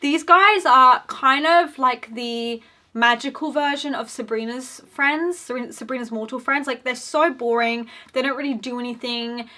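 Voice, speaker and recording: A woman's voice: sits high, moderate pace, pushed and bright. A young woman giving an opinionated, casual commentary on a TV series, talking in a chatty way with lots of "like" fillers. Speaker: video essayist.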